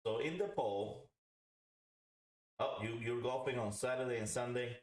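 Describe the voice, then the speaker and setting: A man's voice: mid-range voice, unhurried. A man hosting a casual livestream, explaining things in a rambling way and repeating himself for emphasis. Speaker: host of a live pipe tobacco review. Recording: roomy, echoing home recording.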